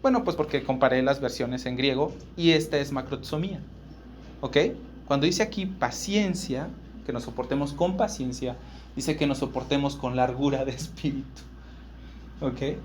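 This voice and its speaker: A man's voice: mid-range voice, moderate pace, darkish tone, slight background noise. A man with a northern Mexican accent preaching a sermon, emphatic, repeating key words and checking in with his listeners. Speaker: pastor.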